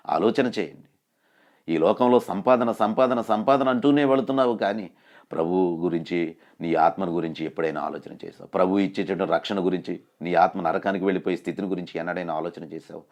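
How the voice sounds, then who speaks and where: A man preaches a sermon. He swings from loud, raised scripture quotes down to hushed, pleading asides, and keeps putting direct questions to his listeners. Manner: rises loud for quoted scripture and drops to a low hush for pleas.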